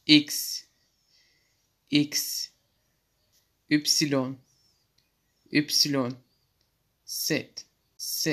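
A man teaching a language lesson, saying each letter and example word twice in a slow, careful way. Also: fairly high pitch, fairly bright tone.

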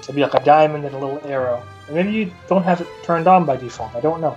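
Fast-talking man guiding his friends. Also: on the high side, darkish tone, dull audio, soft background music. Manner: helpful, explaining, chatty. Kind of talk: casual gaming chat.

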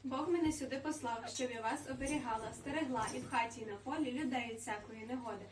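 Woman acting an earnest angel, high forceful voice, quick recitation, nativity play, echoey distant recording. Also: crowd noise, close to an everyday voice. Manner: brisk verse recitation. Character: earnest guardian angel giving moral counsel. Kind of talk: Christmas nativity folk play. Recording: roomy distant mic, faint noise.

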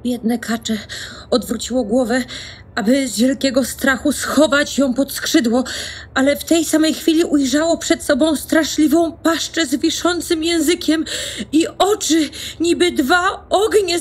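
A woman playing a small, timid, downcast duckling in a fairy-tale radio play, plaintive and naive. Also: high-pitched.

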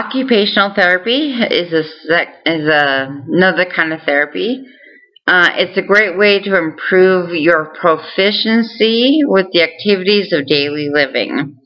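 A woman with a somewhat low voice talks to her viewers in an unhurried, deliberate way. She is earnest and encouraging, speaking casually to camera. The recording sounds dull and lo-fi. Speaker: vlogger sharing recovery tips. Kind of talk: casual direct-to-camera talk.

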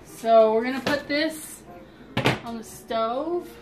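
A woman's voice: a little high, slow, background noise. Patient mother walking kids through cooking. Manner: patient, step-by-step narration of cooking. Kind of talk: casual instructions to children. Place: home kitchen, indoors.

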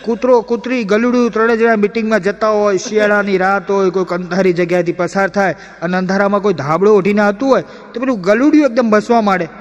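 High pitched guy doing stand-up stories and mimicry, echoey big hall. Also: fast talker, hardly any pauses, dull audio. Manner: animated, voices several characters. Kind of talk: comic storytelling on stage. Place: stage performance hall with audience.

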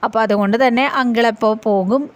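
A sharp-tongued teenage girl who lectures an older man on why he must move out, as a woman reading a serial recap puts her on. The delivery is rapid and fairly high, barely shifted from the narrator. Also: fairly even intonation, natural voice. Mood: pointed. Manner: blunt, lecturing. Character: blunt teenage girl, cool and pointed.

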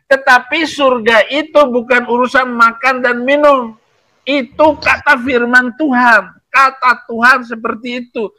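A man's voice: very high-pitched, flat delivery, measured pace, sharp tone, no room sound, rough recording. A man in a heated religious debate, scolding and combative.

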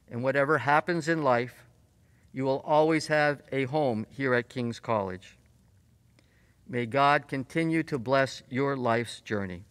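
A college president giving a formal, solemn ceremonial address and introducing the speaker. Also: male voice, medium pitch, fairly bright tone, smooth, no room sound, big-room sound. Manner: measured, solemn delivery.

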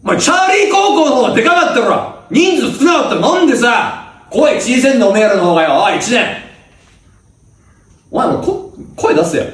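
A man acting a bossy high school senior athlete who barks rough orders at juniors in a comedy sketch. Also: sing-song, fairly quick, a bit bright, full character voice. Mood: domineering. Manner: barking rough orders, berating. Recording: echoey room, mic from a distance.

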